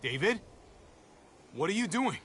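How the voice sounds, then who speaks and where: An actor playing an anxious, placating younger brother among survivors in a dramatic video game. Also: male voice, high voice, very animated, a little slow, fairly bright tone, a little hiss or hum, exaggerated voice. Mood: wary. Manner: pleading, placating.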